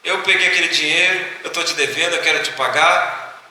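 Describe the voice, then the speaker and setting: A man's voice: fairly high pitch, a little fast, pushed and bright, slight background noise, voice pushed up. A pastor voicing a distraught grown man in a story, speaking in a raised, pleading voice. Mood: apologetic. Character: distraught grown man confessing anger to neighbor. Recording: echoey hall from far off.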